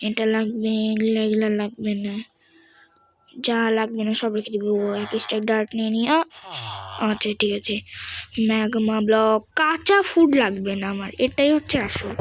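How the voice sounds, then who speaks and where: A woman's voice: fairly high pitch, steady tone, moderate pace, rough recording. A woman giving casual gameplay commentary, thinking aloud and chatting to the game characters. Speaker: gamer.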